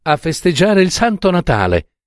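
An exuberant young woman, teasing and full of delight, as a man narrating a storybook puts her on. The voice leaps high and swings widely in pitch, in quick, excitable bursts. It is recorded close and dry. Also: no room sound. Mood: excited. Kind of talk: audiobook reading of a literary short story.

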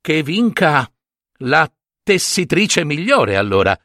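Man doing stern disguised goddess, curt, slow and deliberate, storybook. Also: on the high side, very animated, fairly bright tone, no echo, studio quality, voice pushed up, exaggerated voice. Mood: stately. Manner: curt, cold.

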